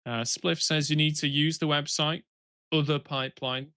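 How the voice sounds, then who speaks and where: Bright-voiced man reading stream chat. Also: a little high, steady tone, moderate pace, smooth, no echo. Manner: reads chat messages aloud, easygoing. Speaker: stream co-host.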